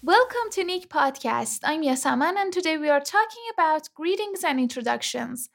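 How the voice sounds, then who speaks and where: A woman from Iran, hosting an English lesson and saying model phrases slowly and carefully for learners to repeat. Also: high-pitched, lively intonation, vocal fry, faint music behind. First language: Persian. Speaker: English teacher and host. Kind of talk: scripted language lesson.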